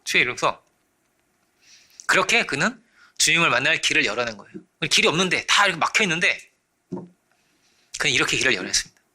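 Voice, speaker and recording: A man preaching a sermon as pastor, animated, often checking in with his listeners and acting out the voices in his story. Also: on the high side, fast talker, long pauses. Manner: animated, acts out quoted voices; frequent rhetorical checks to congregation.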